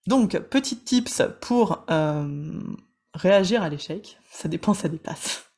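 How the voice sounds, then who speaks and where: Her voice sits on the low side, gravelly and expressive with a darkish tone. She's a woman coaching in a casual live session, joking with viewers by name and speaking in quick, frequently restarted bursts.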